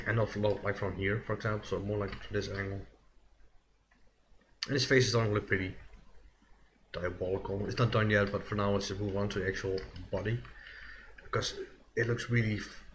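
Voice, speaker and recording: A man with a somewhat low voice talks through his work on a live stream, relaxed and loose. He thinks aloud, trailing off and correcting himself often. A faint hiss of background noise sits under the voice. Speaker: digital sculpting streamer. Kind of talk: casual live-stream commentary while working.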